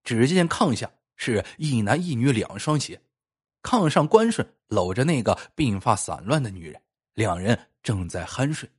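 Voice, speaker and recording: Husky lively male storyteller. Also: mid-range voice, unhurried. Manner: lively storytelling, plainly voicing characters' speech. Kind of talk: scripted story narration.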